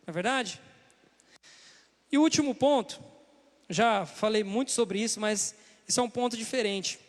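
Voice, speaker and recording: A young Brazilian man preaching a sermon in church, talking to the congregation in a conversational way and acting out the voices he quotes. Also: very high-pitched. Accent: Brazilian Portuguese. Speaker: pastor. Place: church sanctuary. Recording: long hall reverb.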